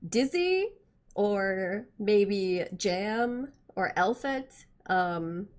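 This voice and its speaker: Hosting a gaming reaction video, a woman chats casually and bursts into exclamations, her mid-range voice slightly hoarse from being sick. She sounds animated yet speaks extremely slowly.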